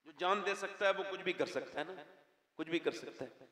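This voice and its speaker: Impassioned high-voiced male preacher, echoing hall. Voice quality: emotional, builds from soft pleading to loud crying-out. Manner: addresses the crowd directly, asks call-and-response questions. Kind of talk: impassioned religious sermon. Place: large religious gathering. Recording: echoey hall with long reverb.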